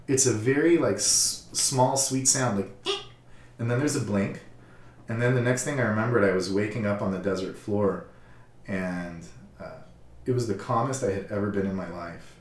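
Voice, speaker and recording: Calm male counselor, low voice, reflective and halting; roomy, slightly distant sound. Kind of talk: casual personal storytelling.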